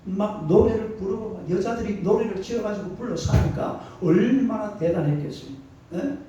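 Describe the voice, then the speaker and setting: A man preaches to his congregation in a colloquial, call-and-response style, always asking them to repeat after him. His voice sits high and mellow. The recording is dull and distant, with a heavy hall echo. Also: moderate pace. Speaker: pastor. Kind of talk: sermon. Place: church sanctuary.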